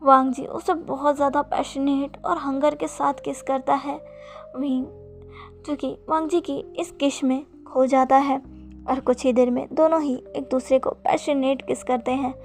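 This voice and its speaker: A woman narrating fan fiction in a steady, plain storytelling manner. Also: high-pitched, a little slow. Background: faint background music.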